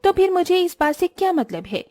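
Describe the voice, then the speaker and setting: A woman voicing a selfish, spoiled rich young wife who talks in a shrill, demanding way in a cartoon. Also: very animated, a little fast, darkish tone, no room sound, faint music behind. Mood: angry.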